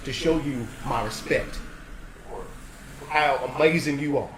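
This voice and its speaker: A man from Austin, Texas, playing a smooth-talking, shady movie boss in an improvised film-noir comedy scene, flattering and overly reassuring. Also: mid-range voice, measured pace, close to an everyday voice. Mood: reassuring, sly. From Austin, Texas, USA. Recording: roomy sound with faint background noise.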